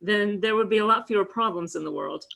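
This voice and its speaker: A woman's voice: mid-range voice, steady tone, fast talker, creaky, fairly bright tone. Woman, wry and conversational. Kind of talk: casual group discussion.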